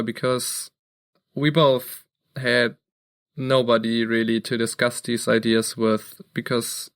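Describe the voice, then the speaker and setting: A young man from Germany, co-hosting a podcast and talking earnestly about his background. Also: mid-range voice. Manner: earnest, steady, occasional restarts. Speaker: podcast co-host. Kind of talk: casual chat.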